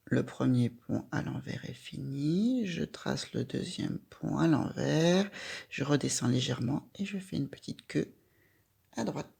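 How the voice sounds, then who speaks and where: A woman's voice: deep voice, expressive, a little slow, vocal fry, dark tone, breathy edge. A woman giving a patient, step-by-step handwriting lesson, speaking directly to a young child with simple instructions. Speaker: handwriting teacher.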